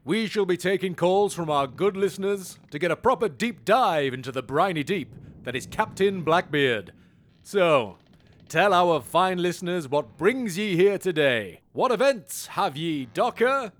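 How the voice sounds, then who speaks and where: A jovial old sea dog hosting a pirate call-in show, voiced by a man. He draws his words out slowly in a high, lilting, swooping voice full of theatrical pirate talk. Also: big pitch swings, a bit bright, heavily acted. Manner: theatrical pirate speech, drawn-out delivery, playful. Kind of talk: comedy skit acting.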